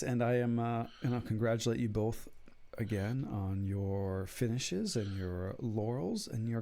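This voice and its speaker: A man's voice: medium pitch, gravelly, dark tone. A man hosting a live-streamed podcast, jokey and rambling, with many restarts. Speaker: podcast host. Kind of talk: casual live-stream chat, reading a mock sponsor ad.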